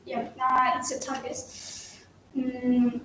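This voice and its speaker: A woman's voice: high voice, completely flat delivery, takes it slowly, pushed and bright, slight background noise. A woman student presenting her research, hesitant and searching for words. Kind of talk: academic presentation. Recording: echoey hall, far from mic.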